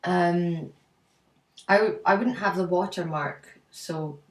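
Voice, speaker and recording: A woman's voice: lowish voice, slow. Hesitant woman in an echoey room. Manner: hesitant, lots of ums and likes. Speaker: co-host. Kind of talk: casual photo critique. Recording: roomy, mic at a distance.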